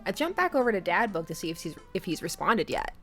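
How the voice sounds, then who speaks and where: This young woman has a lowish voice with big pitch swings and talks fast over soft background music. Streaming a dating game, she reads its text aloud, laughs often between lines, and chats casually with viewers, asking them questions as she plays.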